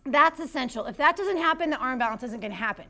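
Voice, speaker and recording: A woman's voice: high-pitched, lively intonation, quick pace, pushed and bright. A woman teaching a live yoga class, upbeat and encouraging, calling out students by name as she cues the poses.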